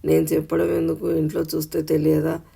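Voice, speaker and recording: Gentle patient mother, read by a man. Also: fairly high pitch, completely flat delivery, a little fast, vocal fry, breathy edge, heavily acted. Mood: calm. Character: patient, gentle middle-aged wife and mother.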